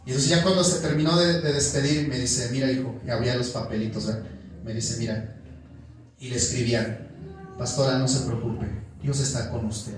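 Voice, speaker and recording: A man's voice: mid-range voice, fairly even intonation, normal speed. A young Mexican man preaching a sermon and telling a story, addressing the congregation as brother again and again. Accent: Mexican Spanish. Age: young adult. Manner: storytelling, calls the congregation "hermano" constantly. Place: church hall. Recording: echoey church room, mic at a distance.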